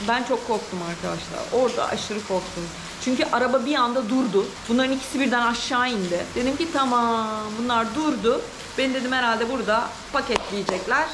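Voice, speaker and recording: High-voiced woman vlogger retelling a scare. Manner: shaken, quick retelling with quoted dialogue. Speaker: travel vlogger. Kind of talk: recounting a frightening experience to camera. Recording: noisy hidden camera recording.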